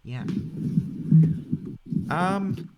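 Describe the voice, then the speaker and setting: A man's voice: sits high, lively intonation, drawn-out words, a little hiss or hum. A man narrating an improvised tabletop game as game master, hesitant and often correcting himself.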